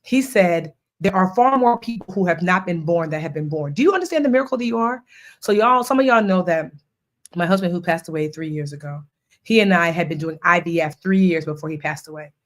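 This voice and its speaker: A woman in her forties hosts a live coaching session, talking casually and animatedly as she tells stories and acts out quoted voices. Her voice is on the low side, a little fast, with lively intonation.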